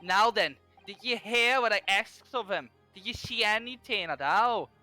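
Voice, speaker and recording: A Dutch-speaking man voicing a gruff middle-aged coachman in a hammy put-on Irish accent that keeps slipping. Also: high-pitched, moderate pace, sharp tone, no room sound, faint music behind. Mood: scheming.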